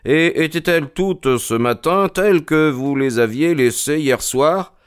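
Audiobook: man playing a keen, methodical detective, slow deliberate questions, crisp voice. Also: fairly high pitch, no room sound, studio quality, pitched above the performer's own voice, lightly acted. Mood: measured. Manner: measured, inquisitive. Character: sharp, calm male detective, keen and methodical. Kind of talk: audiobook character reading.

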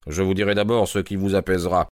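A man reading a confident, measured detective. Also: deep voice, flat delivery, a little mellow, no room sound, clean studio sound, close to an everyday voice. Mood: assured. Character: cool, brisk, self-assured male detective. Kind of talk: audiobook character reading.

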